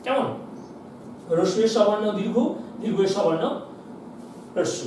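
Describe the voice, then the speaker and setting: A man's voice: high voice, fairly quick, darkish tone. A male teacher giving a classroom lesson at the board, explaining step by step and asking his class questions he then answers himself. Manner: explains step by step, asks and answers his own questions, often says "কেমন?". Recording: echoey room, voice from far off, faint hiss.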